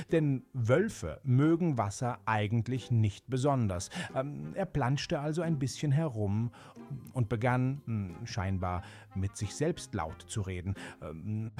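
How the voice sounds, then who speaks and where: A man narrating a children's animal fable in a gentle, unhurried way with small fillers. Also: on the low side. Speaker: storyteller.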